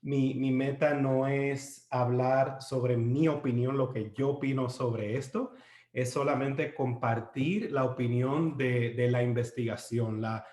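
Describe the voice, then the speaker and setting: A Dominican man raised in the United States leads a live-streamed Bible study from home near his kitchen, and the room adds a roomy echo. His Dominican Spanish accent, shaped by English, comes through a medium-pitched, slightly mellow voice with fairly even intonation. He speaks slowly and hesitantly, full of "eh" fillers and restarts, closing points with a questioning "¿no?".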